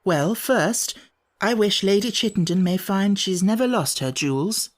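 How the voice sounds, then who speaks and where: A man voicing an earnest, gentle young girl in a storybook, coaxing and pleading in a breathy way. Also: high voice, animated, measured pace, voice pushed up.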